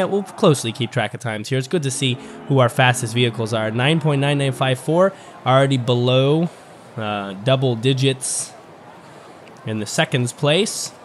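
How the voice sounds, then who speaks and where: A man with a scratchy voice, still getting over being sick, commentating diecast car races, calmly explaining and then shouting when cars crash. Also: mid-range voice. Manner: swings from calm explaining to excited shouting on crashes. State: scratchy voice from a recent illness. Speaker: race commentator.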